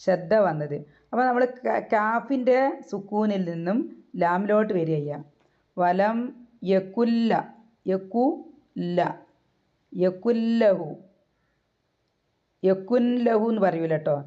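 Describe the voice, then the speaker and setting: A woman teaching a Quran recitation lesson, patiently repeating words slowly and asking guiding questions. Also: on the low side, darkish tone. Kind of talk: tajweed lesson. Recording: dull, lo-fi recording.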